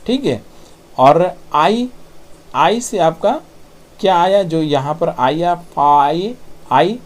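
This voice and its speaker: A man, patiently explaining English sounds on slides and repeating them slowly. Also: a little high, expressive. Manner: patient, repeats sounds slowly, says "thik hai" often. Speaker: English pronunciation teacher. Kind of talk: tutorial explanation.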